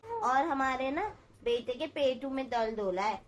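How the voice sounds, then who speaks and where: A young woman with a somewhat high voice gone hoarse from a sore throat chats casually to her camera. She sounds tired, rambles about her day at home and mixes English words into her everyday talk. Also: lively intonation, measured pace. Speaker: mom vlogger. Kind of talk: casual vlog chat to camera.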